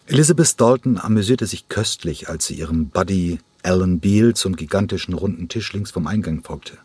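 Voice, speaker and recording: A man reading an audiobook in a measured storytelling manner. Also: deep voice, darkish tone, breathy edge, no room sound. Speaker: audiobook narrator. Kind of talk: scripted narration.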